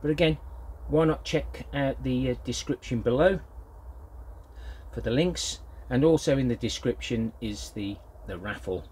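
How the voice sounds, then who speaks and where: This grandfatherly British gardening vlogger reviews a product off the cuff, rambling and hesitant. His medium-pitched voice is unhurried, a touch mellow, and slightly rough.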